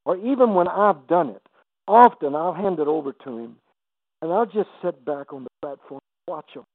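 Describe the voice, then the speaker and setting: An older man in his seventies with a gravelly, creaky voice tells his testimony as an evangelist guest. He halts, stumbles over repeated words and grows emotional. The sound is dry and thin, like a phone line on the radio. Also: on the high side, expressive, normal speed, no room sound. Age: 70s. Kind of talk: testimony storytelling on a radio interview.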